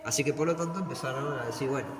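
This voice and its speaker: A museum tour guide races through his explanation in a mid-range voice with an Argentine Spanish accent. He guides visitors through the hall, posing and answering his own questions. The room echoes and background noise is loud.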